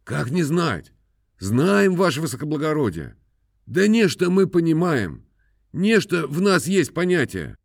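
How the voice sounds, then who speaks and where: A man voicing a timid lame peasant poacher who pleads in a shaky falsetto, fumbling and humble. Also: very animated, a little slow, gravelly, no room sound, studio quality, exaggerated voice. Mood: pleading. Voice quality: quavering falsetto. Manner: humble, fumbling, full of hesitations.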